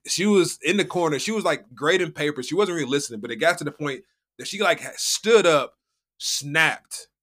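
An American man with a bright, forceful voice at an average pitch chats as a podcast co-host. He tells stories casually, full of slang, slipping into quoted back-and-forth as he goes. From United States. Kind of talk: casual chat and anecdotes.

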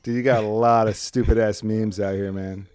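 A man's voice: on the low side, level tone, moderate pace, darkish tone, smooth, no room sound. Male podcast co-host, casual and profane, dry recording. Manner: profane, loose and joking. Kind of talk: casual chat.

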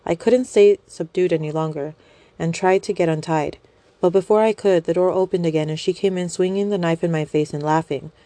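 Lady reading a dramatic story in first person, lowish soft warm voice, earnest n measured, super dry sound. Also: no echo.

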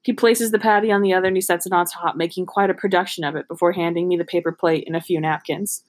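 A woman's voice: fairly low pitch, fairly even intonation, quick pace. A woman reading a novel aloud in an amateur, casual way, giggly and breaking off to joke and comment. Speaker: podcast host reading a book aloud.

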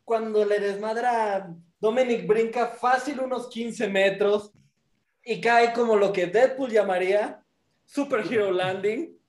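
Echoey room, man, Mexican accent, very high voice, sardonic mock-serious co-host, casual film chat. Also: steady tone, unhurried. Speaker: co-host of a movie review show.

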